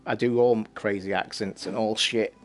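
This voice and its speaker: Hosting a casual late-night livestream from his home flat, a man rambles bluntly and swears freely. His voice sits fairly low, his pace is moderate, and faint music plays behind him.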